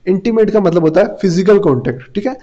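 A man teaching an engineering exam lesson, asking and answering his own questions and reading English notes slowly before explaining them. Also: sits high, dark tone, dull audio. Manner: repeats "theek hai" often, reads English notes slowly, then explains. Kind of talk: classroom-style lecture.

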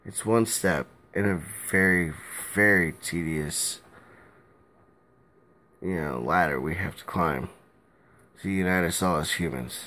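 A young man, drunk, giving a rambling casual vlog rant in a halting, loose way and repeating himself, recorded on a phone held at arm's length in a small room at home. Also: low-pitched, bright, forceful tone, slight background noise.

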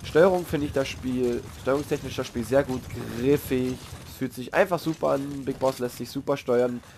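A gamer with a cold reviews a video game casually as he plays, rambling with fillers and slang asides. His mid-range voice is steady and slightly mellow with vocal fry, delivered at a moderate pace, and there is a little hiss or hum.

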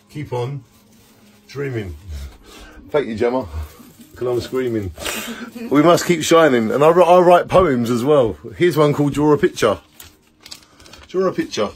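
A man in his forties filming a casual home vlog on a phone at arm's length, rambling upbeat and dropping into soft murmurs. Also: mid-range voice, slightly rough. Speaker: vlogger. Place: small home, indoors. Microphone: phone held at arm's length.

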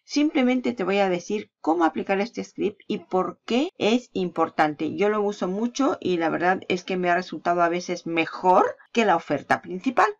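A woman's voice: mid-range voice, lively intonation, normal speed, vocal fry, hardly any pauses, muffled recording. A woman hosting a screen-recorded marketing tutorial, chatty and upbeat, explaining step by step. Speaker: online marketing channel host.

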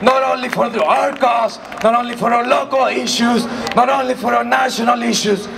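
A man from Chile giving a shouted protest speech at an outdoor rally, his voice worn out from yelling. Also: very high voice, steady tone, normal speed, gravelly. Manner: impassioned, rallying. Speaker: rally speaker. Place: outdoor city rally in front of a large building. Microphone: far camera in the crowd. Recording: distant voice over a noisy crowd. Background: cheering crowd.

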